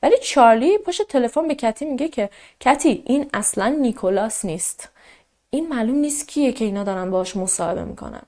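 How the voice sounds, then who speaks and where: A woman recounts a true crime case in an easy conversational tone. Her voice sits a little high. She jumps into the people's words with a lift in pitch. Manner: animated, quotes characters in a raised voice. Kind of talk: casual true crime narration.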